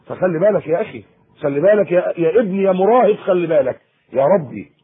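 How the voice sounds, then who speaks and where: A man preaching to teenagers in Egyptian Arabic, in a colloquial, animated sermon with acted-out asides. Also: sits high, husky. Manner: animated, acts out a teen and mother in quoted asides. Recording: tinny lo-fi phone-like tape.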